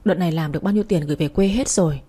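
Woman voicing a tough older neighbor woman, blunt, coarse, husky mellow voice. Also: fairly low pitch, very fast.

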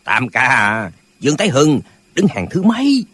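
A man voicing a band of quarrelsome, pedantic old martial-arts brothers in an audiobook, with a husky voice. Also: medium pitch, wildly swooping pitch, moderate pace, a bit bright, no echo, exaggerated voice. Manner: bickering, pedantic, squabbling.

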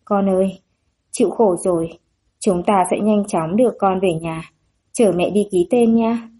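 A woman narrator voicing a gentle middle-aged mother who speaks softly and tenderly to her son. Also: medium pitch, a little slow, breathy edge. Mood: choked up. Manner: soft and tender.

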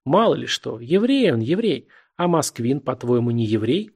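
A man's voice: medium pitch, very animated, normal speed, darkish tone, husky. Man doing a sly, mocking young schoolmate. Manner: mocking, insinuating, laughs a lot.

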